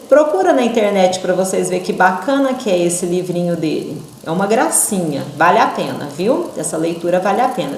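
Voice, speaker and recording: A woman teacher with a Brazilian Portuguese accent giving a recorded lesson to young children, patient and expressive. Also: medium pitch. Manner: slow, patient and expressive, talks to kids as their teacher. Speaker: primary school teacher. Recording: echoey room.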